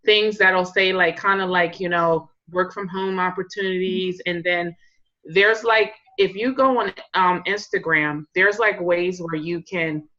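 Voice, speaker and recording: A woman in direct sales talks casually on a group call and fills her sentences with likes and ums. Her voice is on the low side but bright and forward. The audio is dull and lo-fi. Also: fairly even intonation, measured pace. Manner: rambling, many fillers like "like" and "um". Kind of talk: casual call sharing tips.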